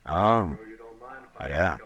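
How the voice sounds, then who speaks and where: Matt Dillon, very deep-voiced western marshal. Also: male voice, extremely slow, highs cut off, exaggerated voice. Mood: calm. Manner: laconic, calm, firm. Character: steady, authoritative Old West town marshal. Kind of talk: old-time radio western acting. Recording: noisy, clicky old radio recording.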